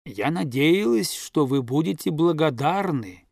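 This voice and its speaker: An imperious old countess grandmother, pitched above the reader's own voice, as a man reads her lines. She drags out her words slowly and with cold command. The sound is dry and close. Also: expressive, vocal fry, darkish tone, no echo, heavily acted. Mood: reproachful. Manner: slow, commanding, reproachful.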